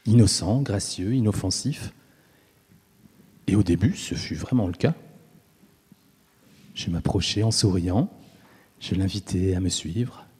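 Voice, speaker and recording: A man giving an intimate, expressive first-person literary reading, with long reverb on the voice. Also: low voice, a little slow, long pauses, slightly rough. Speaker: reader.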